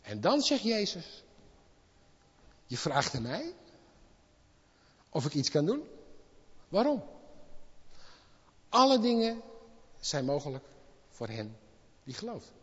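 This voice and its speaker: Male preacher, impassioned sermon delivery, slightly high and husky, dull recording in an echoing church hall. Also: wildly swooping pitch, slow pace, long pauses. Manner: impassioned, rising to loud exclamations. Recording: lo-fi with long hall reverb.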